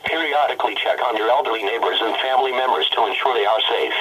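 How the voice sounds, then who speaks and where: A weather radio announcer, rendered as a synthetic American male text-to-speech voice, reads a scripted, formal and impersonal bulletin at a quick pace. His mid-range delivery is pushed, bright and husky, and the recording is rough, carrying weather radio broadcast sound.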